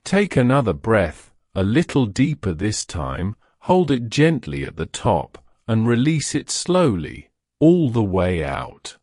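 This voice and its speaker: A man talks a listener down into sleep in a slow, unhurried voice. His pitch swoops widely, rising and sinking as he draws out each instruction. The sound is close and dry, with no room around it. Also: huge pitch swings, darkish tone, no room sound. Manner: slow, soothing, drawn-out delivery. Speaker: sleep hypnosis guide. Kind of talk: guided relaxation script.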